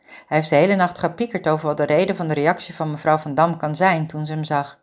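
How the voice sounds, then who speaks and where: Calm woman narrating a story. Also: low-pitched, fast talker. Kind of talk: scripted narration of a romance story.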